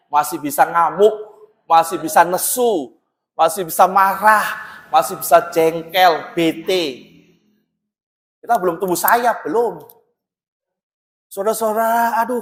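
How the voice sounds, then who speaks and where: High-voiced male pastor preaching in a reverberant church. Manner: animated storytelling, often addressing the congregation. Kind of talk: sermon. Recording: long reverb of a large church hall.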